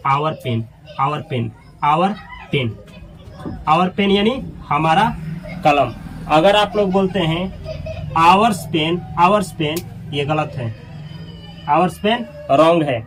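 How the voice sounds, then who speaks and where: A man teaches an English grammar lesson at an unhurried pace. He repeats each example several times and keeps asking his students questions. His voice sits fairly high and goes low and quiet whenever he points out an error. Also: low-quality recording. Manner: repeats key words slowly, drilling students with questions; drops low and soft when marking mistakes.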